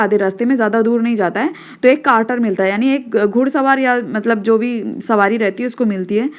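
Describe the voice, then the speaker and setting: Indian woman teacher explaining a lesson. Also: a little high. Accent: Indian English. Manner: mixes Hindi and English, explains slowly with checking asides.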